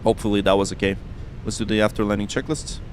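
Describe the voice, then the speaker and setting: A man's voice: on the low side, flat delivery, fast, a little hiss or hum. Casual man streaming from a cockpit. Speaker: flight simulator streamer playing pilot. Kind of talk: casual live stream commentary.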